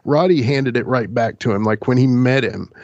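A man's voice: medium pitch, moderate pace, gravelly, a little mellow, dry recording. Jokey man hosting a dry, dull-sounding watch-along. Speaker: watch-along podcast host. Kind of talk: casual chat commentary on a film.

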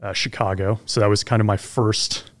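A man in his forties talks easily about growing up abroad in a fairly low voice. His manner is relaxed and conversational, and it turns animated when something excites him. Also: normal speed. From grew up abroad (Belgium, Zimbabwe, Pakistan), then Florida. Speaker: podcast guest, former Army helicopter pilot. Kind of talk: casual interview storytelling.

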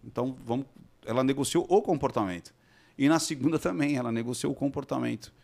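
A man's voice: mid-range voice, quick pace, vocal fry, darkish tone. A man, a podcast guest and expert who explains things didactically and keeps checking that he is understood. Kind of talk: explanatory conversation.

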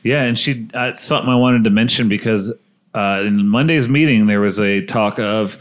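A man's voice: on the low side, moderate pace. A man hosting a casual interview, rambling a little and searching for his words. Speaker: podcast host.

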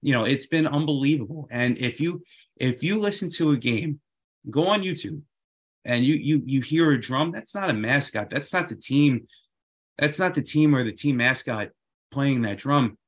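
A man's voice: mid-range voice, animated, moderate pace. A man chatting casually and enthusiastically, often repeating phrases for emphasis. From Queens, New York. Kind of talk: casual chat.

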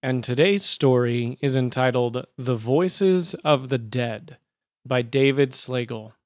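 A man narrating a dramatic fantasy story in a measured storytelling manner, over music. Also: medium pitch, dry recording.

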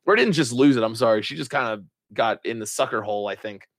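A man hosting a racing podcast, chatting casually and excitedly with lots of fillers and restarts. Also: mid-range voice, fast talker, dry recording, studio quality. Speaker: podcast host. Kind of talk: casual chat.

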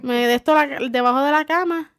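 High-voiced young woman. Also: fairly quick. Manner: lively storytelling, acting out what others said. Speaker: daughter telling stories. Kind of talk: casual family chat.

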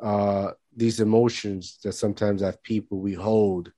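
A man interviewing a singer, asking halting questions with many restarts and affirming his answers. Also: lowish voice, little pitch movement, mellow, no echo. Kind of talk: casual interview chat.

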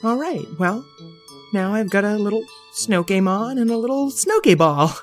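A woman's voice: medium pitch, lively intonation, normal speed, soft background music, pitched above the performer's own voice, lightly acted. A woman voicing a small, childlike magic wand, fretful and pleading in a storybook reading.

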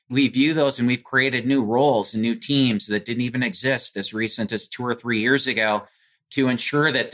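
An American man, speaking as an executive, explains things in a casual interview answer, his medium-pitched voice slightly bright. He leans on smooth corporate phrasing and frequent "you know"s.

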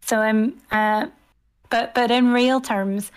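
As a guest on an interview, this author and podcaster in her thirties chats informally in a slow, steady voice on the high side, youthful and girlish. Her Northern Irish accent comes through as she talks in a hesitant, self-deprecating way.

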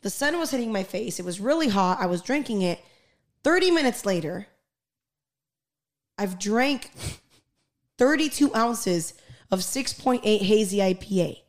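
A woman's voice: mid-range voice, lively intonation, a little slow, long pauses. Lady podcaster chatting casually, swears a lot, hops between english and mid sentence. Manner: switches between Spanish and English midsentence; swears freely. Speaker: podcast co-host. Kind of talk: casual chat, storytelling.

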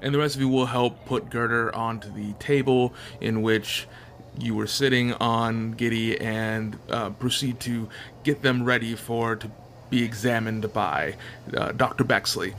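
A man's voice: mid-range voice, steady tone, unhurried, fairly bright tone, slight background noise. A man narrating a tabletop fantasy game as game master in a casual, improvised way.

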